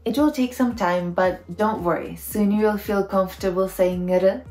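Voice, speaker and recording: A woman's voice: medium pitch, moderate pace, darkish tone, roomy sound, soft background music. A woman teaching pronunciation to foreigners, patiently demonstrating sounds with repeated syllables. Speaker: Czech language teacher. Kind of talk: pronunciation lesson.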